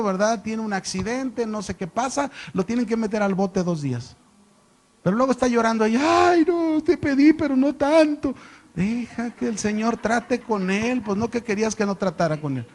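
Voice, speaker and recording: A man teaching a Bible class, chatty and animated. He keeps quizzing his listeners with rhetorical questions and joking with them. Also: high voice. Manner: animated storyteller, jokes with listeners. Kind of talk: conversational Bible lesson to a class. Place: church classroom with a live audience.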